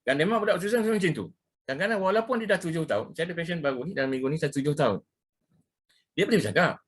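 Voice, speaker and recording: A middle-aged man with a Malaysian Malay accent, lecturing over slides. He talks fast in a husky voice, circling back on his points and slipping English words into his speech. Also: fairly high pitch, lively intonation. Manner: casual, repetitive, mixes in English words, frequent "ya" and "ha". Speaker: ruqyah practitioner giving a talk.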